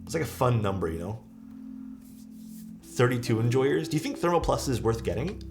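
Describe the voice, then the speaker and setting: With music playing behind him, a man in his thirties who builds keyboards reads chat comments on stream, rambling, venting, swearing a little and filling pauses heavily. His medium-pitched voice has big pitch swings and vocal fry at normal speed.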